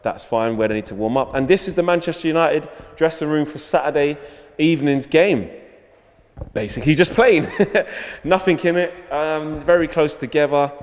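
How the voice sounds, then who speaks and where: A man's voice: on the high side, normal speed, big-room sound. A man, hosting a joking walkthrough of a stadium dressing room, holding a handheld mic. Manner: chatty, joking tour guide. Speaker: fan channel host. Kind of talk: casual walkthrough vlog. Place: empty stadium dressing room and corridor, indoors.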